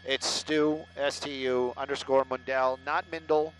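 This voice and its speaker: A man's voice: medium pitch, flat delivery, unhurried, low-quality recording. A middle-aged man, a helicopter traffic reporter, rambling live on air in a joking, sarcastic, self-deprecating way through a headset mic. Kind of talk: live casual on-air chatter. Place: inside a helicopter in flight.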